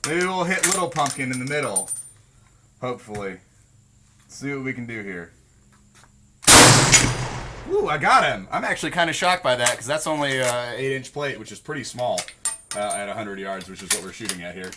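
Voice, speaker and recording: A man's voice: mid-range voice, lively intonation, normal speed, pauses often, very noisy. A man hosting a casual demonstration video at an outdoor shooting range, joking in a laid-back way with frequent ums. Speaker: video host.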